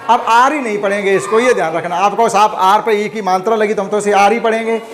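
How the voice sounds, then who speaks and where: A man's voice: sits high, fairly even intonation, quick pace, fairly bright tone. A male primary school teacher giving a classroom lesson, spelling words out letter by letter and repeating them patiently. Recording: noisy classroom with chattering kids. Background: children in the class.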